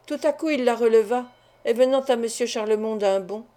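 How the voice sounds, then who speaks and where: A woman reading a classic novel aloud in a measured, expressive audiobook narration. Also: on the high side. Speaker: audiobook reader.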